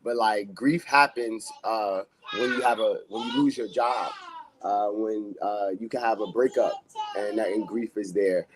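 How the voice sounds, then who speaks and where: A man's voice: on the low side, a little slow, background noise. A man speaking as a guest on a casual podcast, with a loose, rambling delivery full of fillers and street slang. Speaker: podcast guest, community activist.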